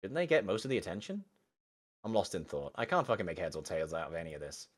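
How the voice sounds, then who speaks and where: Low-voiced man reading a visual novel. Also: very animated, fast talker. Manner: swearing, laughing asides between narration.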